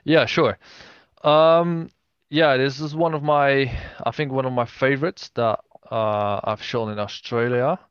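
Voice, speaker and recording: A man giving a casual interview as a podcast guest, speaking haltingly with many hesitations. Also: mid-range voice, steady tone, clear, resonant tone, no room sound, dull audio. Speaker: podcast guest, travelling videographer and drone photographer.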